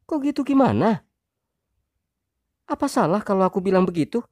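A woman voicing a sharp-tongued young wife in an audio story, shrill and sarcastic as she argues with her husband. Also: very animated, normal speed, dry recording, studio quality. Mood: snappy. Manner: shrill, sarcastic, rising indignation.

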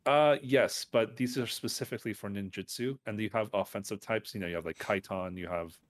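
Low-voiced man chatting casually. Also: brisk. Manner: rambling, filler-heavy, self-correcting. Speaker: podcast co-host. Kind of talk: casual chat about games and anime.

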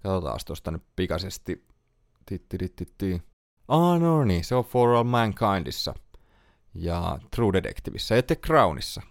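A man with a very low voice talks through his picks on a solo podcast. He rambles casually, pausing to recall names and correcting himself along the way. The sound is close and completely dry, with no room around it. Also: big pitch swings, gravelly, no echo. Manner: chatty, thinks aloud, trails off and corrects himself. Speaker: podcast host.

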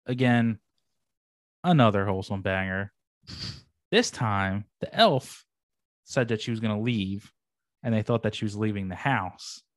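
A man's voice: fairly low pitch, a little slow, pauses often, no room sound, studio quality. A young man co-hosting a podcast, chatting casually and animatedly with lots of slang and casual swearing. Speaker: podcast co-host. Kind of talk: casual chat reviewing anime.

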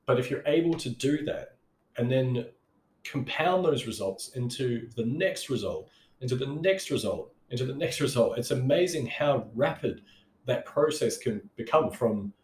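A man speaks at a middle pitch in a casual, motivational monologue, like a business coach addressing his followers. His delivery is conversational and rambling, circling back on phrases to stress them. The room is noticeably echoey. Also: a little mellow. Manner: rambling, conversational, emphatic repetition. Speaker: online business coach and host. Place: roomy space at home next to a busy motorway. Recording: echoey room beside a busy road.

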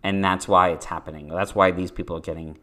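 A man with a very low voice co-hosts a political talk show. He explains the issues in a casual, point-by-point way, with plenty of ums along the way. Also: steady tone, quick pace, fairly bright tone. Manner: explanatory, list-style points with fillers. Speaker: podcast co-host.

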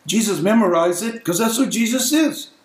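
A man's voice: high-pitched, expressive, moderate pace, echoey room, poor audio. A middle-aged male pastor preaching an impassioned, emphatic sermon.

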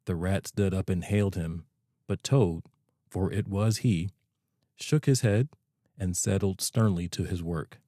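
A man narrating a classic children's story at bedtime, calm and measured, close to the mic. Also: deep voice, no echo. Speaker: audiobook narrator.

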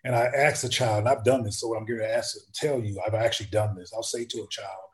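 A man's voice: on the low side, steady tone, quick pace. A man speaking as an activist guest in a conversational interview, thinking aloud with frequent restarts and acting out the questions he asks.

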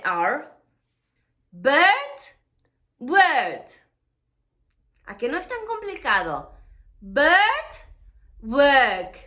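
A woman teaches English pronunciation in a bright, high voice. Her pace is unhurried, and she pauses to model each English word slowly. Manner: explains with many examples, then models English words slowly. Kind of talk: pronunciation lesson.

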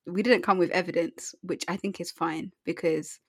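A woman's voice: fairly low pitch, fairly even intonation, moderate pace, slightly rough, no room sound, studio quality. A young woman co-hosting a podcast in slangy, playful banter, often repeating phrases for emphasis. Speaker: podcast co-host.

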